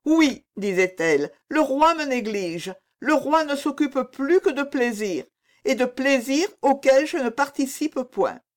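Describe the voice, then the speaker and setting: A woman's voice: a little high, animated, measured pace, hardly any pauses, a little mellow, voice pushed up. A woman reading the part of a tearful young queen who complains plaintively of neglect.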